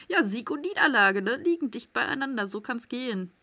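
An excitable woman narrating her own gameplay in a bright, fairly high voice. She chats at her viewers with little tag questions and swears freely. She jumps from loud outbursts to tense whispers. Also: normal speed. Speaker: let's play gamer. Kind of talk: live gameplay commentary.

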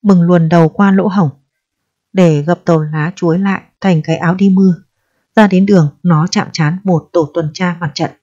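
A woman narrating an audiobook with calm, steady storytelling, on a slightly dull lo-fi recording. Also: fairly low pitch, moderate pace. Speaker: audiobook reader.

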